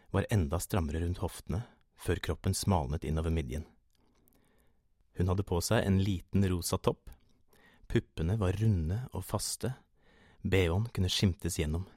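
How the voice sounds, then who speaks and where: A man narrating a first-person erotic story in a calm, measured way. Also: low voice, no echo, clean studio sound.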